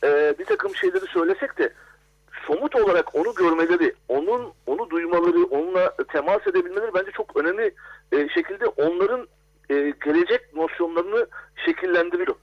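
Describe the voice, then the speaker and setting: A man speaking as an academic guest in a radio interview, hesitant, with many drawn-out filler sounds. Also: sits high, lively intonation. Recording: dull lo-fi phone line.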